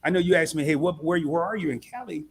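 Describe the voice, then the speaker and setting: Host, man in his forties from Arkansas; lively, chatty, high-pitched, with slight room noise. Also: fast talker. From Southeast Arkansas. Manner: animated, storytelling, chatty slang. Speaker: live stream host. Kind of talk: casual interview chat.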